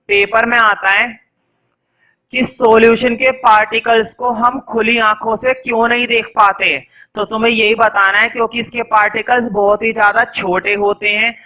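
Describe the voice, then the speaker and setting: A young adult man teaching a science class, quizzing students and slowly dictating notes word by word. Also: high-pitched, bright, forceful tone, poor audio. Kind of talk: classroom lecture in Hindi with English dictation.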